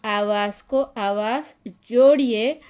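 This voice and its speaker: A woman's voice: a little high, slow, a little mellow, clear, resonant tone. A woman teaching English letter sounds to beginners, patiently repeating each sound several times and speaking directly to her viewers with encouragement. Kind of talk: phonics lesson for beginners.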